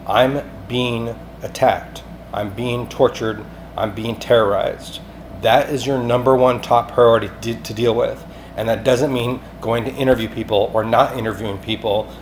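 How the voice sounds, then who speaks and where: This rambling voicemail comes from a man whose medium-pitched voice sounds a little mellow. Agitated and insistent, he pleads over and over, dropping some swear words, on a noticeably noisy amateur phone line.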